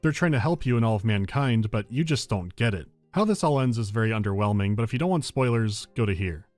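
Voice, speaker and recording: A man's voice: lowish voice, lively intonation, fast talker, a little mellow, no echo. A man narrating a scripted video game review with dry, wry humour. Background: game music.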